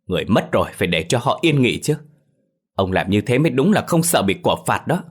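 A man's voice: lowish voice, sing-song, normal speed. A man voicing a proud but desperate middle-aged father in an audio ghost story, raising his voice in protest. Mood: defiant. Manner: pleading and shouting in protest.

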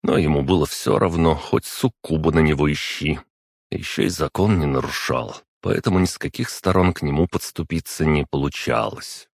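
Very deep, husky male narrator. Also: dry recording, clean studio sound. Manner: steady, measured reading. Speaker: audiobook narrator. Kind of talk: scripted narration.

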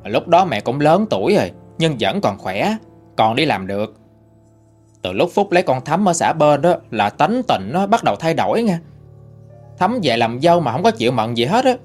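A man's voice: fairly high pitch, very animated, moderate pace, darkish tone, soft background music. A man narrating listener stories in a conversational storytelling manner. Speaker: ghost story channel narrator. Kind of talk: reading listener-sent stories.

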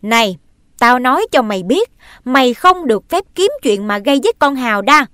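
A woman voicing a shrill, furious stepmother. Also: very animated, a little fast, smooth, no room sound, clean studio sound. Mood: scolding. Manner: scolding, shrill and loud. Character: sharp-tongued young stepmother, quick to anger.

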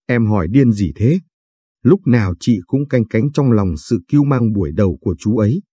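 A man voicing a shy, flustered young woman in her twenties in an audio story, scolding her brother, with a dark, husky voice. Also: fairly low pitch, animated, normal speed, no echo.

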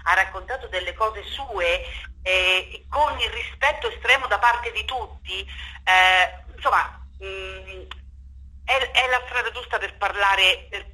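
A theatre director being interviewed on radio speaks off the cuff, emphatic and impassioned, repeating words and seeking agreement. Her medium-pitched voice is slow, pushed and bright, and the audio quality is poor.

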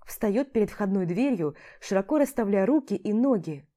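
A woman narrating a first-person story aloud in a steady, expressive reading. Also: mid-range voice, moderate pace. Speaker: audiobook reader.

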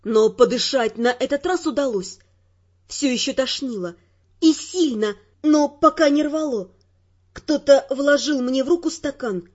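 Woman narrating an audiobook, high voice. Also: unhurried, dull audio. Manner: expressive, dramatic. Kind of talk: first-person audiobook narration.

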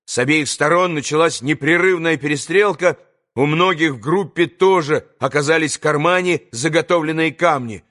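A man narrating a classic novel as an audiobook reader, measured and expressive. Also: on the high side.

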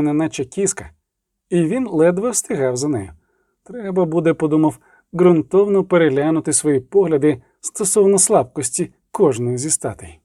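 A man reading a fantasy novel as an audiobook narrator, steady and expressive. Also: fairly high pitch, no room sound, studio quality. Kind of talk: scripted narration.

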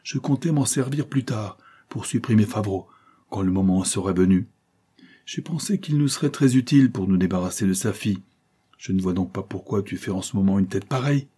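A man's voice: fairly low pitch, mellow, slightly rough. A man voicing a ruthless, domineering female adventuress who gives harsh, contemptuous orders.

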